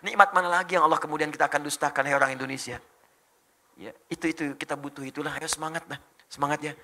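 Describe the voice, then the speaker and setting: A man's voice: fairly high pitch, fast, creaky, sharp tone. A male Islamic preacher giving a rousing religious lecture to an audience, exhorting his listeners and mixing in joking asides.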